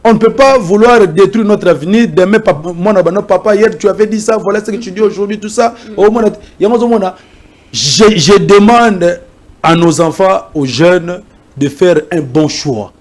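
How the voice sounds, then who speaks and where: A man arguing politics as a talk show guest, animated and repeating himself as he presses his points. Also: high-pitched, normal speed. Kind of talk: heated political debate in French and Lingala.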